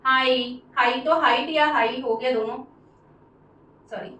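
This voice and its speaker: A woman with an Indian accent teaching English pronunciation, saying each word slowly and repeating it for the class. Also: sits high, steady tone, bright, forceful tone, highs cut off. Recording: echoey room, voice from far off.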